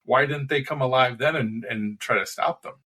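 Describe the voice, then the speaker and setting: A man's voice: medium pitch, moderate pace, pushed and bright, slightly rough. A man co-hosting a movie review podcast, musing and raising questions in casual chat. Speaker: podcast co-host.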